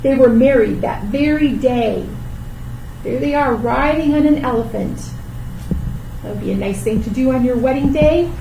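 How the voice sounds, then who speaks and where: A library storytime host reads to small children and teaches them rhymes, using simple, encouraging phrases. Her voice is high-pitched with vocal fry, at a moderate pace. The recording sounds roomy, with a distant microphone and background noise.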